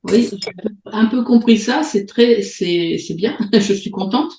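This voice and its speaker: Une femme qui anime une réunion en ligne et présente sur un ton détendu, avec beaucoup d'hésitations et de reprises. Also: female voice, mid-range voice, expressive, measured pace, dark tone, roomy sound, a little hiss or hum, low-quality recording. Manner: hesitant, many fillers and restarts. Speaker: host of an online meeting. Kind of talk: casual presentation on a video call. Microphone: video call.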